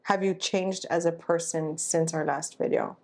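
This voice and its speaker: A woman's voice: on the low side, fairly even intonation, normal speed, gravelly, a little mellow. A woman in her twenties co-hosting a casual chat podcast, telling stories in a chatty way and slipping into Spanish phrases. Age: 20s. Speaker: podcast co-host.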